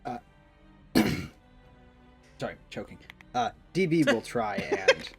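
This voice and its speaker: A man's voice: medium pitch, huge pitch swings, slow pace, soft background music. A man playing a tabletop game, chatting casually with wry, joking banter.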